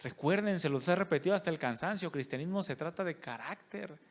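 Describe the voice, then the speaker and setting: A man's voice: on the high side, lively intonation, fairly quick. A male pastor, preaching a sermon and putting rhetorical questions to his congregation. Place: church service.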